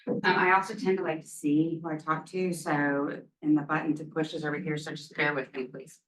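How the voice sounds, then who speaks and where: Recorded from afar in a roomy lecture hall, an infectious disease lecturer talks about a virus in a deep, level, fairly bright voice at a fairly quick clip. Her delivery is conversational, peppered with ums and offhand self-deprecating asides.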